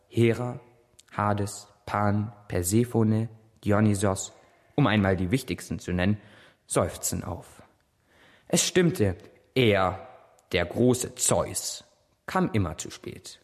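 A man reading a dramatic story in the first person, with an expressive, theatrical manner. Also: lowish voice, takes it slowly, long reverb tail. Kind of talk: scripted dramatic narration.

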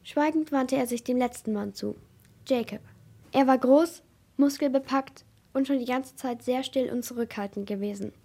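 A woman's voice: high-pitched, slightly rough. Woman narrating a thriller audiobook. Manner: steady, measured storytelling.

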